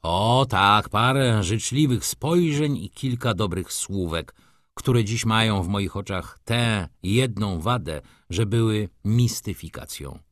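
A man's voice: fairly low pitch, lively intonation, slow, dry recording, clean studio sound. A man reading an audiobook, voicing a haughty, capricious society lady who talks in an offended, reproachful, coquettish way.

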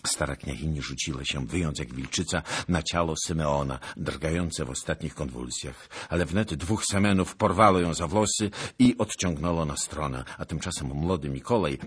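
A man's voice: a bass voice, fairly bright tone, husky. A man narrating a historical novel as an audiobook, solemn and dramatic.

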